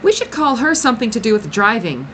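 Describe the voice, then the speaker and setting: A woman's voice: a little high, big pitch swings, fast talker, a bit bright, a little hiss or hum, pitched above the performer's own voice. A woman voicing a blunt, plainspoken young woman in an audiobook reading.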